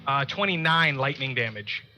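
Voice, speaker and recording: A man playing a tabletop game, excitable, swearing and laughing as he rolls. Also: medium pitch, moderate pace, faint music behind. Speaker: player. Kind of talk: casual tabletop play.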